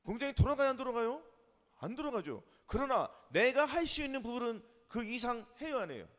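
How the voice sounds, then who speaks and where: A pastor preaching a sermon, constantly asking the congregation questions and answering them himself. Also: male voice, extremely high pitch, very animated, a little fast, a bit bright. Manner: call-and-response questions to the congregation. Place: church sanctuary. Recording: hall reverb.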